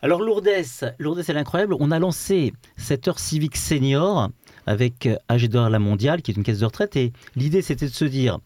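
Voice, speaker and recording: A man's voice: medium pitch, expressive, fairly quick, darkish tone, no room sound. A man interviewing and introducing a guest, speaking emphatically and full of praise. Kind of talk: enthusiastic interview presentation.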